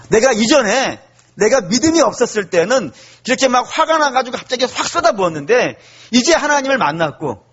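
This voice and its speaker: A male pastor preaching a sermon, animated and asking the congregation questions. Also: high voice, slightly rough, muffled recording. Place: church.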